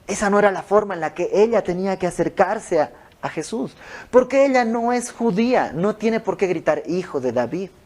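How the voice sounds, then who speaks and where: A man's voice: sits high, moderate pace, a little mellow. Guy teaching bible study at someone's house, chatty asides, reads verse by verse. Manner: explains verse by verse, conversational asides. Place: a private home.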